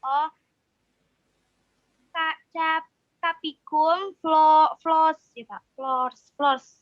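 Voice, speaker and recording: A woman's voice: sits high, steady tone, drawn-out words, dry recording, narrow, tinny audio. A young woman, a student reading aloud hesitantly in an online class.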